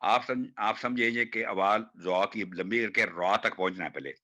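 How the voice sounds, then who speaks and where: A man teaching Quran recitation, demonstrating hard words slowly and repeating each one. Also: on the low side, sharp tone. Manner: slow, drawn-out demonstration of each word, repeated. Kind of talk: online pronunciation class.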